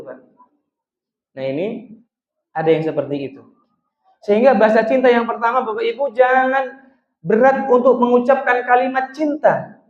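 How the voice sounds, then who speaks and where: A man, a psychologist, giving a chatty religious talk on marriage, speaking directly to the husbands and wives in his audience. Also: sits high. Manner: chatty, addresses audience directly as sirs and ladies. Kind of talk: religious study talk to couples. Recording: echoey room, dull lo-fi sound.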